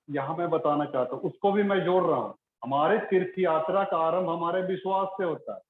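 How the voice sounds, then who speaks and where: A male pastor with a somewhat raised pitch delivers a sermon in loose, conversational Hindi-style preaching, circling back on his phrases. The church around him rings, and the sound comes through thin and phone-like, with a faint hiss. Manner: conversational, repeats phrases, many fillers. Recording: echoey church on a tinny phone-like line.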